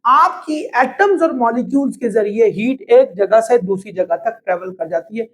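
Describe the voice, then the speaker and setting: A man's voice: high voice, animated, moderate pace, poor audio. Pakistani man giving a physics lecture. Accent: Pakistani Urdu. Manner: explains step by step, mixing in English phrases, addressing students directly. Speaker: physics teacher. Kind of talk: classroom lecture.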